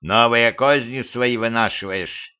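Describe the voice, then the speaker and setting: A man voicing a shrewish old granny witch who scolds in a creaky, crotchety voice. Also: mid-range voice, unhurried, close to an everyday voice. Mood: grumbling. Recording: dull lo-fi home recording.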